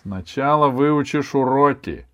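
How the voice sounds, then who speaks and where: A man's voice: mid-range voice, animated, measured pace, fairly bright tone, muffled recording, pitched above the performer's own voice. A man reading a storybook, voicing a strict, commanding schoolgirl who bosses a classmate around. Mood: stern. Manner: stern, commanding. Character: stern bossy schoolgirl, strict and threatening.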